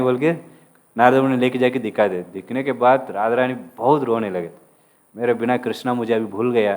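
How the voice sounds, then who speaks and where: Man telling a devotional story. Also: medium pitch. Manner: casual storytelling, acts out the figures' quoted lines; mixes English words into Hindi. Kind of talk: storytelling sermon.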